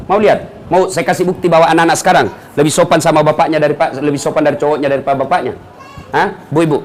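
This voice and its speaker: Male preacher, middle-aged, high voice, animated, joking storyteller. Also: a little hiss or hum. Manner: animated storytelling with jokes and acted quotes. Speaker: Islamic preacher. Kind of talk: lively sermon to an audience.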